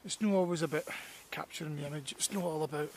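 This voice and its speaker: Walking a snowy hillside, a landscape photographer from Scotland vlogs to camera in an enthusiastic, reflective way. His voice is on the high side and a little mellow, he talks fast, and there's a little hiss or hum.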